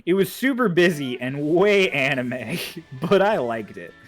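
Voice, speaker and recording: A man's voice: fairly high pitch, very animated, unhurried, dry recording. A man co-streaming a game, chatting in an easygoing, teasing way and laughing often. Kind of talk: casual gameplay chat. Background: faint game music.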